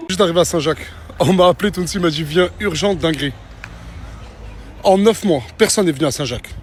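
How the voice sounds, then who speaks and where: A man's voice: fairly high pitch, fairly quick, slight background noise. A man hosting a casual vlog, speaking to camera and then teasingly questioning people he meets. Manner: teasing, interrogating, repeatedly calls for calm. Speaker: Snapchat influencer host.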